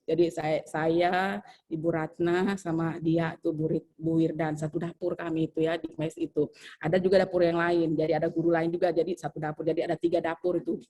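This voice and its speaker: A woman teacher, telling a personal story in a chatty, animated way during a training session. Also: deep voice, a little fast. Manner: animated, chatty, full of fillers. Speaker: civil service trainee.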